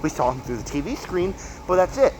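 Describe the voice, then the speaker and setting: A man giving a casual, emphatic movie review as a video host while walking on a treadmill, halting and repeating himself for stress. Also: on the high side, sing-song. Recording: clear treadmill motor and footstep noise. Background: treadmill noise.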